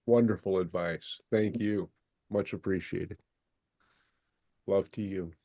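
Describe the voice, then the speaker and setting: A man's voice: sits low, slow, dark tone, dry recording. A man hosting a casual group conversation. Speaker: host, moderator. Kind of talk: casual chat.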